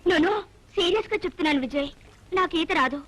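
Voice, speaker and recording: A woman's voice: high voice, quick pace, a bit bright. An actress playing a mischievous young woman who plays pranks on her boyfriend, in film dialogue. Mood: pleading. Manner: playful, giggly, pleading. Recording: film soundtrack with music.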